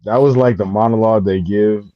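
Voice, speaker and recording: A man co-hosting a podcast in casual chat, slangy and excitable. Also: fairly low pitch, brisk, no echo, highs cut off. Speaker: podcast co-host.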